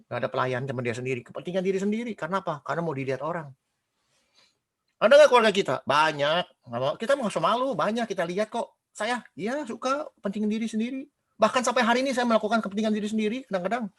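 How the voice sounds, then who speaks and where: A man preaching a casual sermon, animated, quizzing the congregation and mimicking gossiping people. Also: sits high, quick pace.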